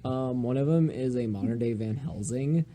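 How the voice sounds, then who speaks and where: A young man co-hosting a casual podcast, hyper and excitable, often losing his train of thought. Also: mid-range voice, moderate pace. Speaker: podcast co-host. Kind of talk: casual chat.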